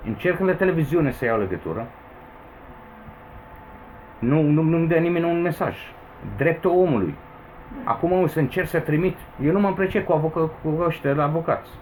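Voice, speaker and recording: A man's voice: a little high, darkish tone, slight background noise, low-quality recording. A Romanian man in his forties, rambling through an agitated personal complaint to camera, with emphatic outbursts. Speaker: vlogger. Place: home in the Philippines.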